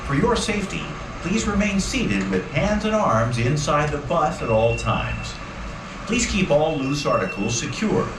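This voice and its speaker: Man making a loudspeaker safety announcement. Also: fairly high pitch, very animated, measured pace, noisy background. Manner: polite, formal. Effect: played over a ride's loudspeaker. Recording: echoey loudspeaker sound with music behind. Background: music.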